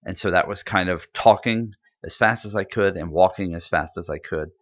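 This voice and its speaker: A man's voice: low voice, normal speed. A man co-hosting a podcast in casual chat, rambling and enthusiastic with lots of fillers. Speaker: podcast co-host. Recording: dull lo-fi audio.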